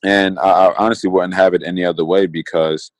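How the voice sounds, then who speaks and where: A man's voice: low-pitched, little pitch movement, a little fast, dry recording. A man in his twenties co-hosting a casual podcast, talking in an earnest, reflective way and often restarting and repeating phrases. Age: 20s. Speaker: podcast co-host.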